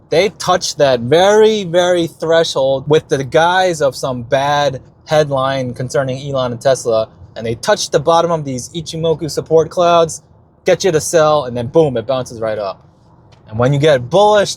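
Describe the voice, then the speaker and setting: A man's voice: fairly high pitch, darkish tone. A man talking casually and off the cuff as a market commentator, in a brash, slangy, swearing crypto-bro manner. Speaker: retail investor and stock market video host.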